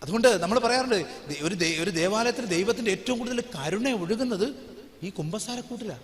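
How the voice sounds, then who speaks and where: A man with a fairly high voice preaches a sermon to a congregation. He tells his story dramatically, dropping to a hush and then rising to a loud, ringing pitch. His voice carries a long reverb from the hall. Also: expressive, fast talker. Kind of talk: sermon with personal testimony.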